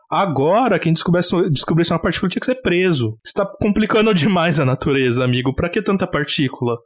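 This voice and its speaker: A young man with a Brazilian Portuguese accent talks through science in a relaxed podcast chat, with a slightly high voice. He is informal and jokey, drops swear words, and slips into playful mock exasperation. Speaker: podcast co-host, theoretical physicist.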